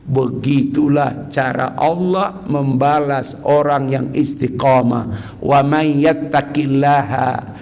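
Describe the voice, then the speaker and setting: A man preaching a sermon in a mosque, telling stories with lively acted-out dialogue. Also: mid-range voice, takes it slowly, gravelly. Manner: animated storytelling, acting out quoted people. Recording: long hall reverb.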